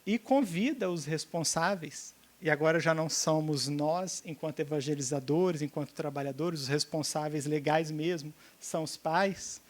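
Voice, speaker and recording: A man's voice: fairly high pitch, moderate pace, hardly any pauses. A man speaking as a seminar speaker to a room of educators, checking in with the audience often and acting out little dialogues. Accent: Brazilian Portuguese. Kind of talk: teaching seminar talk.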